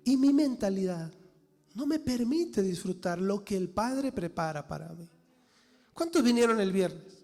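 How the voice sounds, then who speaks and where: A man's voice: sits high, expressive, a little slow, mellow. A man, a pastor, preaching a sermon with rhetorical questions and dramatic quoted voices. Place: church hall. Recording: church hall reverb.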